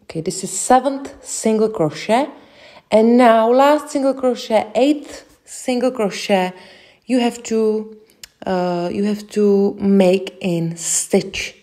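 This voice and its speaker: Slow, careful Czech woman teaching crochet. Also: mid-range voice, warm tone. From Czech Republic. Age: young adult. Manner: slow, careful, with many hesitations. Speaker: crochet tutorial host. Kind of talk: step-by-step craft instruction.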